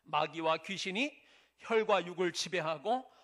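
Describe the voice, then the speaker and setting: In a church sanctuary, a male pastor preaches a sermon in a high-pitched, slightly bright voice, speaking a little slowly. His tone is earnest and conversational, and he asks the congregation rhetorical questions.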